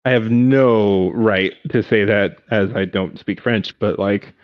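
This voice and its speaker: A man co-hosting a casual podcast, recapping wrestling matches with excitement and plenty of swearing. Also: lowish voice, slow pace, dry recording, dull audio. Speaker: podcast co-host. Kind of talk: casual chat.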